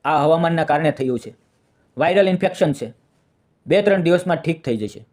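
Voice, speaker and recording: A man reading the lines of a calm doctor who speaks in a matter-of-fact way. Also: on the high side, a little fast.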